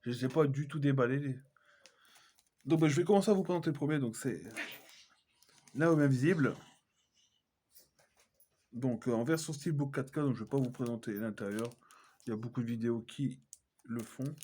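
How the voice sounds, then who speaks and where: A man's voice: medium pitch, moderate pace, pauses often, a little mellow, slight background noise. A man chatting casually as he shows his film collection, hesitant, with many fillers and self-corrections. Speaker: collector vlogger. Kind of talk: casual unboxing chat.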